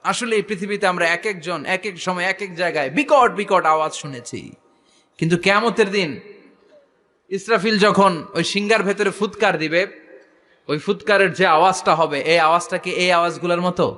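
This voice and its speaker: A man's voice: high voice, pushed and bright. A man preaching a sermon to a gathering, calling questions out to the crowd and drawing answers back from it. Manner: rousing call-and-response with the crowd; chants Quranic verses slowly.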